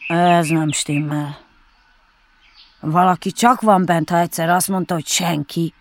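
A woman voicing a polite, food-loving male bear who reasons slowly and ponderously, for a storybook reading. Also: lowish voice, fairly even intonation, no echo, natural voice. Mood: musing. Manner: slow, puzzled, ponderous reasoning.

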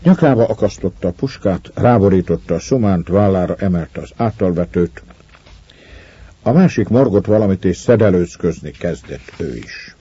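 A man narrating an audiobook in a measured storytelling manner. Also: low voice, expressive, mellow, husky, no room sound, dull audio. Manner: measured storyteller, voices the characters. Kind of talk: audiobook reading of a novel.

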